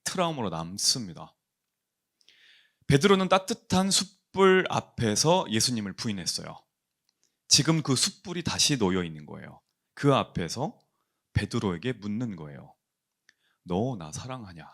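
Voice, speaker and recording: A man preaching in a church with a lively, animated voice that swings up and down. He asks his listeners questions and answers them himself. When he quotes a question, he drops his voice and slows down. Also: on the low side. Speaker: pastor. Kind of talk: sermon.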